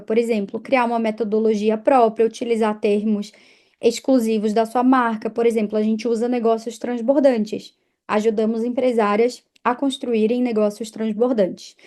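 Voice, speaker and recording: A woman, teaching an online course lesson in an animated, direct way and talking straight to her students. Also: fairly high pitch, moderate pace. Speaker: instructor.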